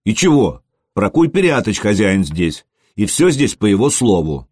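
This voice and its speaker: A man voicing an outraged young retainer who shouts and complains. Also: fairly low pitch, sing-song, normal speed, husky, no echo, studio quality. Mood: indignant. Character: indignant young male retainer of a governor.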